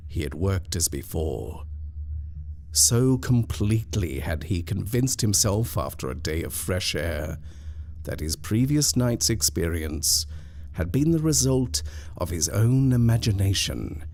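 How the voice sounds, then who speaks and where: A narrator with a very deep, low voice reads a scripted ghost story in an unhurried, drawn-out way. He speaks with measured deliberation and sometimes drops to a hush.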